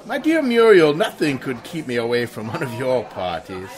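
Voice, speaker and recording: A man's voice: medium pitch, wildly swooping pitch, normal speed, a faint crowd. An actor playing a suave, mocking male mystery vigilante in a 1930s-style radio drama, with a theatrical, menacing delivery. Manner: theatrical, menacing laugh, hypnotic intonation.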